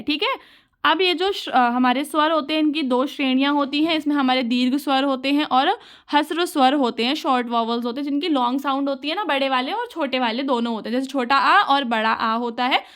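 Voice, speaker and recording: A woman's voice: sits high, fairly bright tone. A woman teacher explaining exam material patiently to her students, calling them children as she goes. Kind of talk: exam-prep lesson.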